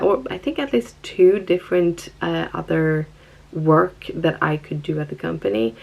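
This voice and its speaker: This Stockholm vlogger has a Swedish accent and a fairly low voice with vocal fry. She talks to her viewers in a relaxed, chatty way, and the recording quality is poor.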